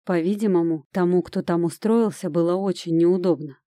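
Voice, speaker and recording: An audiobook narrator reads a first-person detective novel in a measured, even storytelling style. Her voice is fairly low, and the studio-quality recording has no room sound.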